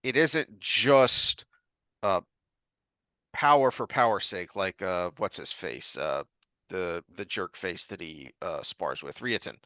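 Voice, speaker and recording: A man speaks slowly in a bright, forceful tone, halting and searching for words. He sounds like a podcast co-host in easy chat. The sound is dry and close. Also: sits low, clear, resonant tone, no echo. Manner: thoughtful, halting with many ums and restarts. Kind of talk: casual chat.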